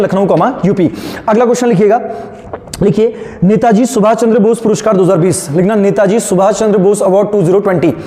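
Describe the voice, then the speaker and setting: A male teacher dictating notes to students, repeating phrases, slowing down for them and asking check questions that he answers himself. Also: sits high, mellow. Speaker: current affairs teacher. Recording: echoey room, faint background noise.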